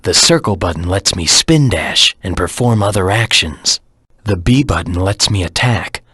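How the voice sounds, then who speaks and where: A man voicing a brooding, proud hedgehog antihero in a video game, grim and terse, with a low husky rasp. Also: animated, normal speed, bright, forceful tone, dry recording, studio quality, heavily acted. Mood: serious, instructing. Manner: grim, terse, self-serious. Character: brooding, proud anthropomorphic hedgehog antihero, the ultimate life form. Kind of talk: video game character voice lines.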